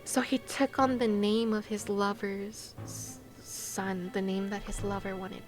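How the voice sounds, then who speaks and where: This young woman streams a game and chats casually with her viewers, giggling, exclaiming and playing around. She speaks in a mid-range voice with a level tone, taking her time, while game music sounds behind her.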